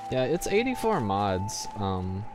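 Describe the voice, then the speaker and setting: A man's voice: lowish voice, wildly swooping pitch, takes it slowly. A man casually commenting on his gameplay as host, rambling with lots of fillers. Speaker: let's play host. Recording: game music behind.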